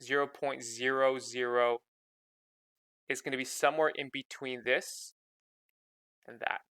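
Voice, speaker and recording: Bright, dry-voiced man teaching math. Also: medium pitch, fairly even intonation, measured pace, smooth, no room sound. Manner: repeats "okay?" constantly, chatty and informal. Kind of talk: casual explanatory lesson.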